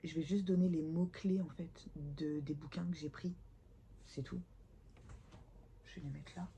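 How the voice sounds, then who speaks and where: A woman with a hoarse, stuffed-up voice from a cold, chatting casually to camera in a self-deprecating, slightly awkward book vlog at home. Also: deep voice, steady tone, measured pace, mellow, slight background noise. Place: at home, indoors.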